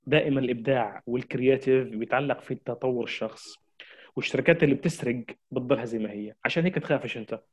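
A man gives a marketing lecture, addressing his audience directly with urgent, repeated exhortations. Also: medium pitch. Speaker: marketing trainer.

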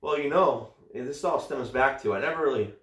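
A man's voice: medium pitch, normal speed, fairly bright tone. A man chatting casually on a podcast, answering questions bluntly with crude jokes and swearing. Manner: blunt, profane and jokey. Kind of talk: casual chat. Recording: echoey room.

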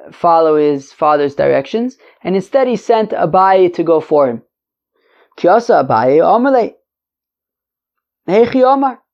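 A man's voice: high-pitched, darkish tone. Dull lo-fi recording, man teaching. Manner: conversational, repeats and rephrases, asks rhetorical questions. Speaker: Talmud teacher. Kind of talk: informal Talmud lesson, reading and translating.

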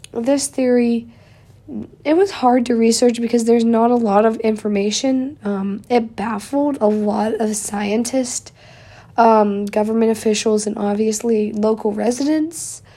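On her casual one-person podcast, a young woman speaks in a slightly high, mellow voice. She sounds a little stuffed up from a cold and talks chattily, leaning on lots of fillers.

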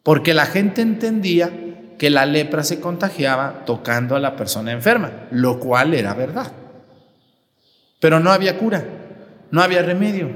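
A Mexican priest preaching a lively sermon in a slightly high voice, often putting questions straight to the congregation. His voice carries a long reverb through the church hall. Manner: animated, asks the congregation questions directly.

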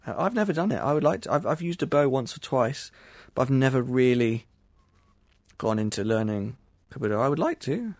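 A man's voice: medium pitch, very animated, a little fast, darkish tone, dry recording. A man from England, co-hosting a casual chat podcast, rambling with restarts and joking at his own expense. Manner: self-deprecating, rambling with restarts. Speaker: podcast co-host.

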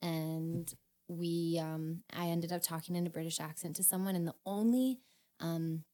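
A woman's voice: on the low side, normal speed. Laughing young woman telling stories. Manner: animated, laughing, self-mocking. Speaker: podcast guest. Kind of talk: casual chat, storytelling.

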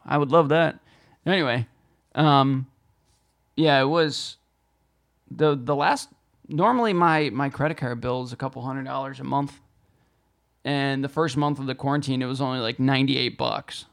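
A man co-hosting a podcast in casual chat, grumbling and getting loud when something annoys him. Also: mid-range voice, moderate pace, creaky. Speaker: podcast co-host.

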